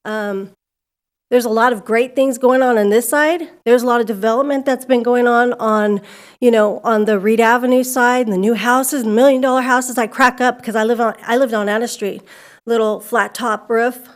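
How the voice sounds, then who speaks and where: This Californian woman's voice is a little high, with fairly even intonation and normal speed. Speaking candidly into a podium microphone during public comment at a school board meeting in a civic center hall, she keeps a conversational tone that becomes more emphatic.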